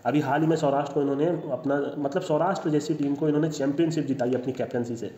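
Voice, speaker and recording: A cricket analyst gives casual, opinionated commentary in voice-over across slides, making confident predictions and dropping English phrases in. His voice is on the high side, steady, fast, and warm, and the sound is echoey and dull, like a lo-fi room.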